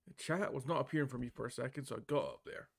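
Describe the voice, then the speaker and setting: A game streamer chats casually with his viewers on a livestream while he plays. His medium-pitched voice is creaky and rapid-fire.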